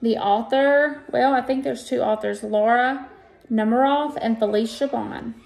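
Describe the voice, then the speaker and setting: Sing-song and casual, this read-aloud host (an American woman in her thirties) shares a picture book with kids from a small room at home. She speaks a little slowly in a slightly high, darkish voice with vocal fry. There's roomy echo and faint noise in the background.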